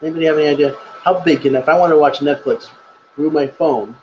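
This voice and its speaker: A man's voice: fairly high pitch, fairly even intonation, quick pace, darkish tone, lo-fi sound, a little hiss or hum. A man presenting on a live stream, answering viewer questions in a chatty, rambling way and laughing at himself. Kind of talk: casual live Q&A. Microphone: webcam or laptop mic on a live stream.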